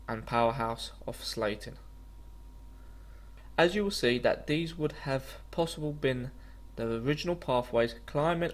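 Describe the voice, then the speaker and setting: Guy doing voice-over for his walking trip video, earnest, bit stumbly reading, mid pitched voice. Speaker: vlogger narrating a walking trip. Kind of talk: scripted travel documentary voice-over.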